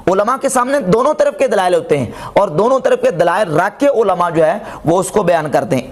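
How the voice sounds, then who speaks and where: High-pitched man delivering a rebuttal lecture. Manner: argumentative, rhetorical questions, quotes Arabic. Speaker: religious scholar reviewing a speech. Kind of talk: polemical religious lecture.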